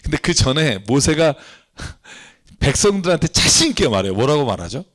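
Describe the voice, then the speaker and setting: A man's voice: a little high, very animated, moderate pace, a bit bright. A male pastor teaching from the Bible in a sermon, often turning to the congregation with questions. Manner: engaging, asks the congregation questions.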